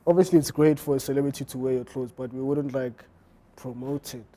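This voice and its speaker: Brisk and dark-toned, a man with a medium-pitched, fairly even voice answers questions about his fashion brand in an interview. As the designer, he comes across hesitant, leaning on fillers and frequent restarts.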